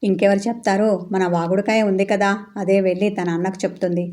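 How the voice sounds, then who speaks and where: A woman voicing a sharp-tongued elderly grandmother who scolds and sighs. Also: mid-range voice, little pitch movement, a little fast, close to an everyday voice. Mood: scolding. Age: older. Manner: scolding, sighing.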